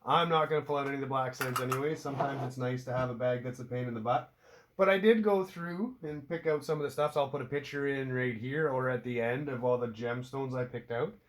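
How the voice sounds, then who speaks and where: Talking fast in a mid-range voice, this Canadian man, congested from a cold, chats loosely to camera about his outdoor hobby while sitting at home. He drifts from topic to topic, swears casually and pokes fun at himself.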